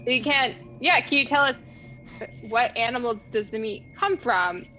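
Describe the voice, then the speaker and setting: Bright woman player with dry interjections. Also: on the high side, unhurried, lo-fi sound, soft background music. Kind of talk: casual tabletop role-play.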